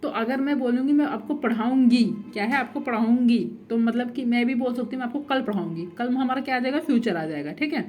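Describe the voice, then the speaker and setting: A woman's voice: on the high side, quick pace, hardly any pauses, darkish tone. A young woman teaching a grammar lesson, repeating herself and asking and answering her own questions. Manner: frequent "theek hai" checks.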